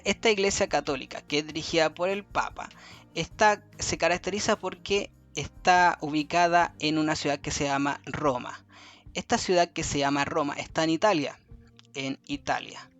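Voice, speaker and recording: A man teaching a review lesson to schoolchildren, repeating key words slowly for emphasis. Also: a little high, a bit bright. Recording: faint music behind.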